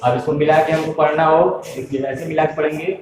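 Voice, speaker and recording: A man's voice: fairly high pitch, flat delivery, a little fast, a crowd in the background. A man teaching a primary school Hindi lesson step by step, patiently spelling out letters and asking questions that he answers himself. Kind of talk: slow step-by-step classroom lesson. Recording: echoey room, voice from a distance.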